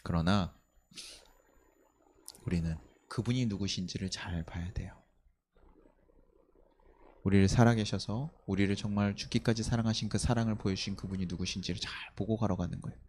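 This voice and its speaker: A man's voice: on the low side, normal speed, long pauses, a little hiss or hum. A man, a pastor, preaching a night-service sermon in a church, firing off rhetorical questions to the congregation. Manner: animated, many rhetorical questions, acts out quoted speech. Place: church sanctuary.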